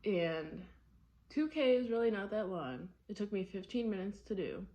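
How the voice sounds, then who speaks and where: A woman's voice: medium pitch, lively intonation, moderate pace, warm tone, muffled recording. A woman speaks in a casual personal vlog style. She is candid and rambles along, often doubling back on her words and repeating them as she thinks aloud. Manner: candid, rambling, with frequent repetition. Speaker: vlogger.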